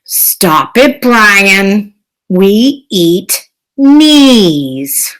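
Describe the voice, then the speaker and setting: A woman's voice: medium pitch, lively intonation, extremely slow, fairly bright tone, poor audio. A woman reading aloud and voicing a group of grumpy piranhas who insist on what they eat. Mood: exasperated. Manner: exasperated, insistent.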